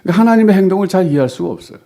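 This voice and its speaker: A man's voice: high voice, expressive, rapid-fire, warm tone. A middle-aged male pastor preaching a sermon in a conversational way, acting out quoted lines with rising emphasis.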